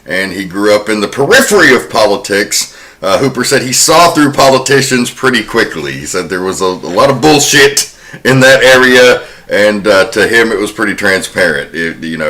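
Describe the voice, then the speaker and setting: A man hosting a horror podcast introduces and narrates film history conversationally. He has a fairly low-pitched voice with a sharp tone.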